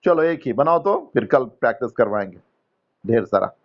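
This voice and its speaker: A man's voice: mid-range voice, lively intonation, moderate pace, highs cut off. A man teaching an English grammar lesson in an online class, patiently questioning students by name and explaining step by step in Hindi mixed with English terms.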